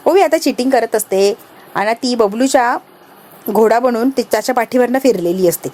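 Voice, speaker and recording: A woman retelling a TV serial episode in a lively way, acting out every character herself. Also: on the high side, normal speed.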